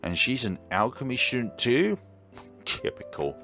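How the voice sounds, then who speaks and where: A man streams a game as a let's-player, reading along and offering wry, chatty asides while game music plays behind him. His mid-range voice is sing-song, a little slow and sharp in tone.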